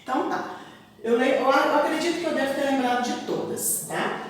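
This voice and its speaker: A woman's voice: high voice, fairly quick, a little hiss or hum. A Brazilian woman teacher giving a lesson to children, with a sing-song, emphatic delivery that keeps checking the class understands. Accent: Brazilian Portuguese. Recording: echoey room, recorded from a distance.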